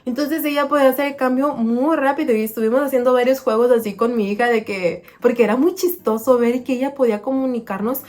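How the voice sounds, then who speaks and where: A woman chatting to viewers as a vlogging mother, slowing down to say words very clearly when she shows how she taught them. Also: sits high, fairly even intonation, darkish tone. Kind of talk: casual storytelling to viewers.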